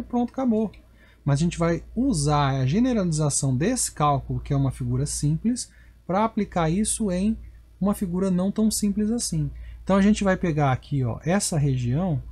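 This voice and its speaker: A man with a Brazilian Portuguese accent teaches a recorded math lesson. His voice is dark and a little husky. He explains step by step and keeps asking whether the listener is following. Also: fairly high pitch. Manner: explanatory, keeps checking in with the viewer. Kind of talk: recorded whiteboard lecture.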